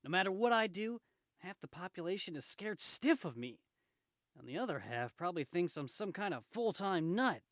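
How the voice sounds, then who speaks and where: A man's voice: high voice, very animated, normal speed, a bit bright, dry recording, studio quality, pitched above the performer's own voice. A man voicing a wisecracking comic-book superhero, cocky and aggrieved, in a theatrical, quippy manner. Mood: aggrieved, complaining. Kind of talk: comic book read aloud in character.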